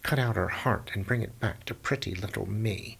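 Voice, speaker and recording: A man voicing a wicked, vain stepmother queen who talks in a low, menacing, hissing way. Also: normal speed, vocal fry, fairly bright tone, slightly rough, full character voice. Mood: commanding.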